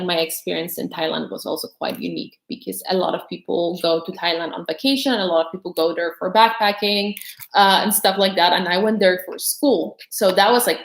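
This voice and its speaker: There's a reverberant quality to this young woman's fairly low, gravelly voice as she answers her viewers' questions on a casual livestream. A vlogger with a mostly American-influenced mixed accent, she's chatty and rambling, leaning heavily on "like."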